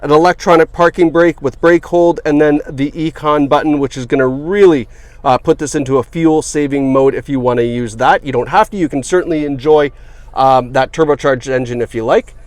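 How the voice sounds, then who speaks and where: A man's voice: fairly high pitch, steady tone, fairly quick, no room sound. Upbeat chatty man. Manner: upbeat, chatty, many fillers. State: has the hiccups. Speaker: car salesperson. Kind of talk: casual car walkaround video. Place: inside a car.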